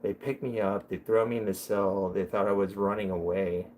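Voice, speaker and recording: A man's voice: fairly low pitch, fairly even intonation, moderate pace, darkish tone, a little hiss or hum. A young man chatting casually on a livestream, telling rambling, joking stories. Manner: rambling storyteller, loose and joking. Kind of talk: casual live chat.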